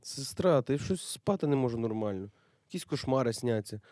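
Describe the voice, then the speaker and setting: A man's voice: medium pitch, lively intonation, fairly quick, warm tone, no echo, studio quality, close to an everyday voice. A man playing a wounded soldier who talks back brusquely, slangy and dismissive. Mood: defiant. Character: young cynical wounded soldier, defiant, loner.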